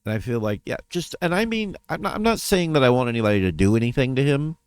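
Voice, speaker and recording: A man's voice: mid-range voice, lively intonation, fast, clear, resonant tone, no echo. A man talking casually in a personal vlog update, rambling, trailing off and correcting himself as he goes. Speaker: vlogger.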